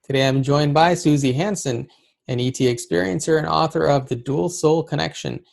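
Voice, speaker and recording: Male interview host, gravelly tone, earnest, a bit hesitant. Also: fairly high pitch, normal speed, a little mellow. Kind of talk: interview hosting.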